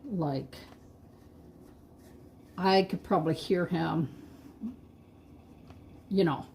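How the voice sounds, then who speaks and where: A woman's voice: fairly low pitch, extremely slow, gravelly, darkish tone, a little hiss or hum. A middle-aged woman hosting a live craft stream, chatting casually with viewers and talking to herself as she paints. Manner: chatty, talks to herself and to viewers, laughs at her own slips.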